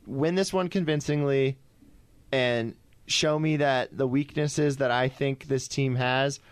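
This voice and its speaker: A man's voice: medium pitch, fairly even intonation, slow, smooth, dry recording. A man with an American accent giving his views in casual sports talk. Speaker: sports podcast panelist.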